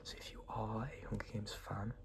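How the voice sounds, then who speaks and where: A person in a whispered role-play as a librarian recommending books, speaking in a soft, breathy, reassuring library whisper with some creak. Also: medium pitch, flat delivery, fairly quick.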